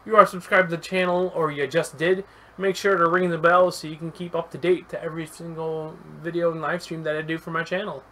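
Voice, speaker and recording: A gaming video host giving casual play-by-play commentary, yelling and swearing at the game, then chatting to viewers in a friendly, rambling way. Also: mid-range voice. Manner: excitable, yells and swears at the game.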